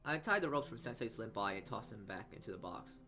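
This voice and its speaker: This man, also a video game let's-player, has a lowish voice and lively intonation as he works through a visual novel out loud. He reads haltingly, tripping over lines frequently and breaking in with personal comments.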